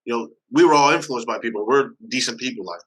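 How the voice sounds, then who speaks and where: A man's voice: mid-range voice, fast, fairly bright tone, low-quality recording. A man in casual chat, talking earnestly and hedging his points. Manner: earnest, hedging with "like" and "you know".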